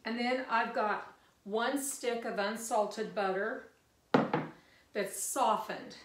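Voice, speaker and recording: A woman's voice: fairly high pitch, slow pace, echoey room, recorded from a distance, noisy background. An older woman from the Missouri Ozarks, chatting her way through a home cooking demonstration with folksy, rambling asides. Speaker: cooking video host.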